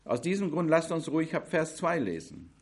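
A man's voice: on the high side, very animated, moderate pace. A man preaching a sermon, speaking emphatically and addressing the congregation directly with pointed questions.

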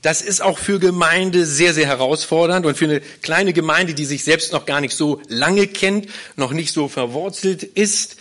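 Speaking at normal speed with hardly any pauses, a fairly high-pitched, fairly bright-toned man gives earnest, explanatory testimony to a congregation in a live interview. He is a guest pastor in his forties from Berlin, Germany, leading a small church plant.

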